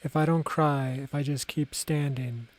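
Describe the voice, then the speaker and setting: A man's voice: on the high side, steady tone, measured pace, lightly acted. A man voicing a young female spear warrior, scared but proud, speaking earnestly and with restraint.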